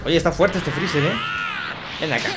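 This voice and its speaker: A man giving excitable let's play commentary, taunting the enemy and cheering his character on. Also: on the high side, normal speed, noisy background. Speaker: gaming commentator. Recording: loud game music and effects behind.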